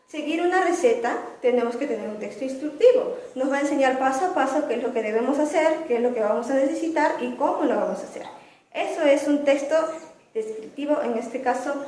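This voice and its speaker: A woman's voice: high-pitched, darkish tone, reverberant, poor audio. A young woman, a student, giving a class presentation, explaining topics and posing questions she then answers herself. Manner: explanatory, often asks and answers her own questions.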